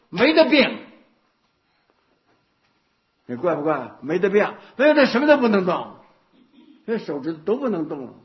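Buddhist teacher, male, animated and higher-pitched delivery, anecdotal sermon style, lo-fi recording. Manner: anecdotal, repetitive, rhetorical questions. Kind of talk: dharma talk. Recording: dull lo-fi recording.

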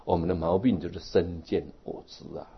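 A man giving a Buddhist dharma talk, animated and storytelling, drawing out particles at phrase ends, in a dull lo-fi recording. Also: sits low, brisk, husky. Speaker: Buddhist teacher.

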